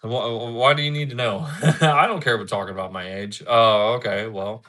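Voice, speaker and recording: His voice is lowish, brisk, bright, and forceful: a thirty-something man on a live stream, rambling casually, repeating himself, and responding to viewers in his chat.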